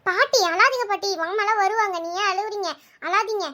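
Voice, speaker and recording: A woman voicing a chatty young village girl who talks fast and teases. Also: very high voice, voice pushed up. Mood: worried. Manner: fast, excited, teasing.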